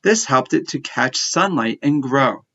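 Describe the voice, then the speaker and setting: A man's voice: mid-range voice, lively intonation, unhurried, a bit bright. A man with a kindergarten teacher voice giving a science lesson and telling a story to preschoolers, explaining simply and repeating key words. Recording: slightly muffled lo-fi audio.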